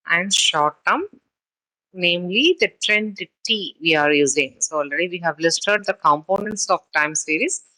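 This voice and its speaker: A woman's voice: fairly low pitch, pushed and bright, low-quality recording. A woman giving a recorded statistics lecture, reading from a text and then explaining it in her own words, with frequent fillers and restarts. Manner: halting, with many fillers and restarts.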